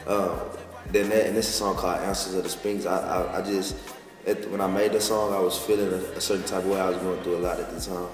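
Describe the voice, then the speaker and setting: A young Texan man in his twenties talks with a very low, flat voice, halting through his answers with restarts and slang. He sounds far from the mic in an echoey room with a long reverb tail. Soft music plays behind him. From Texas, USA. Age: 20s. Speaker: guest musician. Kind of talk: casual interview talk. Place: lounge with large windows, indoors.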